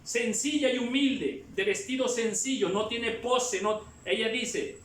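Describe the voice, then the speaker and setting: A man preaching a sermon, moving between hushed and loud passages and acting out other voices. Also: very high-pitched, measured pace, reverberant, a little hiss or hum. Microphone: camera at a distance.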